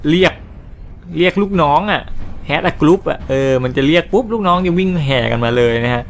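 A man casually commentating a video game he plays, explaining and translating the story and reacting excitedly to fights. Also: on the high side, moderate pace, a little hiss or hum. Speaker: gaming channel host. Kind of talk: casual let's-play commentary.

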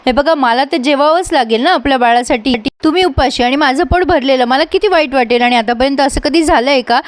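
A woman's voice: sits high, fairly quick, close to an everyday voice. A woman voicing an earnest, stubborn young daughter-in-law in a serial recap, speaking in a pleading way.

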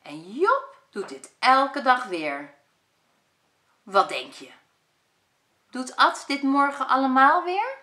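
A woman kindergarten teacher reading a picture book aloud to young children, expressive and asking them questions. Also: high-pitched, takes it slowly, long pauses. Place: school room. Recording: echoey room.

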